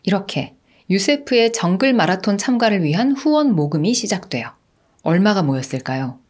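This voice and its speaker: A woman's voice: mid-range voice, very animated, normal speed, darkish tone. A woman narrating a true-crime story in a chatty way, often asking the listeners rhetorical questions.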